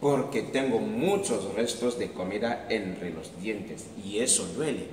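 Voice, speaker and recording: A man doing a slow, weary old crocodile. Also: fairly low pitch, darkish tone, a little hiss or hum, close to an everyday voice. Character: big sore-mouthed crocodile, slow and weary. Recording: echoey hall, mic far off.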